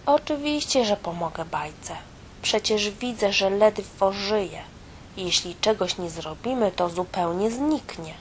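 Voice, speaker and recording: A woman's voice: fairly low pitch, expressive, slow pace, slight background noise. A woman playing a motherly computer mouse. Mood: reassuring.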